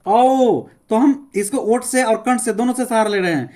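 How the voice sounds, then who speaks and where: A male teacher gives a classroom grammar lesson. He says sounds one by one, slowly and with care, and keeps urging listeners to pay attention and try them aloud. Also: extremely high pitch, darkish tone. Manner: repeats sounds slowly, enunciating each one as a demonstration.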